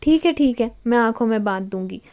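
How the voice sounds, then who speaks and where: A woman voicing a drunk, playful young wife who teases and whines, a little higher than usual. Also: lively intonation, brisk, close to an everyday voice. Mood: teasing. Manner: petulant, whiny shouting.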